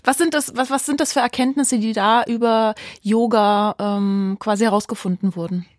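A woman's voice: a little high, fairly even intonation, moderate pace, no room sound, studio quality. A woman co-hosting an interview podcast, chatting casually and asking questions with fillers. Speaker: podcast co-host.

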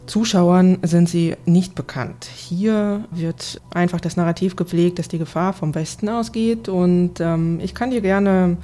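A woman working as a correspondent, explaining things in a conversational reporting style with a creaky voice. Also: on the low side, steady tone, measured pace, hardly any pauses, warm tone.

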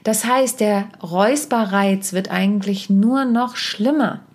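A woman's voice: medium pitch, unhurried. A middle-aged woman hosting a podcast, giving voice-care advice in a chatty, direct way with asides and self-corrections. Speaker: podcast host and stage coach. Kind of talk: casual spoken podcast advice. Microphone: podcast microphone.

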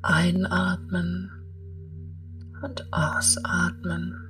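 A woman guiding a meditation in a soft, breathy, half-whispered soothing voice, speaking in slow, spaced-out calm instructions. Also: on the low side, distant mic. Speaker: podcast host and meditation guide. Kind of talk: guided meditation.

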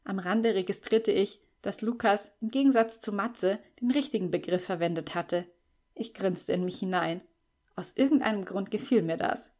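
A woman narrating a first-person novel in an audiobook, with lively, expressive storytelling. Her reading is scripted and carefully paced for listeners. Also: mid-range voice, moderate pace.

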